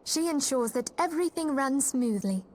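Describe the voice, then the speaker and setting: In a video game cutscene, a woman with a fairly high, animated and slightly mellow voice plays the leader of a secret order in a fantasy setting. She speaks formally and courteously in measured phrases, with composed authority.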